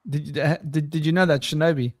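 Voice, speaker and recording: A man's voice: fairly high pitch, steady tone, fairly quick. A man co-hosting a casual podcast, rambling and joking with frequent laughs and restarts. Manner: rambling, jokey, laughs often, many restarts. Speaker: podcast co-host. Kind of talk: casual conversational podcast chat.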